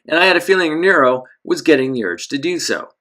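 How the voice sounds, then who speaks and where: A man's voice: on the high side, sing-song, a little fast, bright, forceful tone. A man narrating a first-person pulp adventure story with wisecracking, self-mocking, hard-boiled asides.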